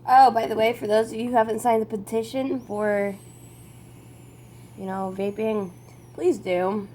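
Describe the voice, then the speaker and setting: A woman's voice: on the high side, steady tone, measured pace, warm tone. Casting: young female vlogger, playful and teasing, swears freely, casual to-camera chat, slight noise on an amateur home recording.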